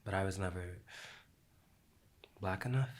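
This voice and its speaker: A young man with a low voice performs a reflective theatrical monologue, slow and measured, at times sinking to a near whisper.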